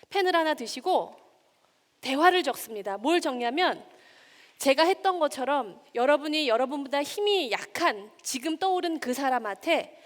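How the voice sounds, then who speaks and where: A woman in her forties giving a public talk to a live audience, engaging them with questions. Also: high voice. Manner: warm, engaging, asks the audience questions and acts out scolding lines. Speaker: speaker giving a stage talk. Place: lecture hall stage. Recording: long reverb of a hall.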